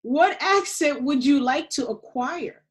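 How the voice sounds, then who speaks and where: Woman, podcast host, high voice, slow deliberate delivery, playful interview questions. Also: expressive. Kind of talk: quick-fire interview questions.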